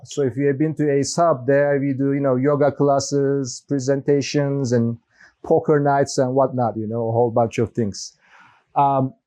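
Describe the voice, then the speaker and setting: A man's voice: on the high side, mellow. A man originally from Turkey giving a casual, conversational talk to a small group as guest speaker, with plenty of fillers and restarts.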